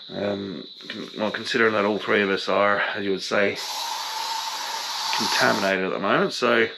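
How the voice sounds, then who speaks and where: A man's voice: lowish voice, vocal fry, noisy background. A young man talking casually in a vlog, sick and short of breath, rambling and laid-back. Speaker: vlogger.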